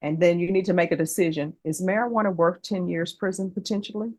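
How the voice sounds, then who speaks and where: A woman's voice: on the low side, fairly even intonation, fast talker, a little mellow, no room sound, clean studio sound. A middle-aged woman judge questioning a defendant in a courtroom, firm and lecturing, with pointed rhetorical questions.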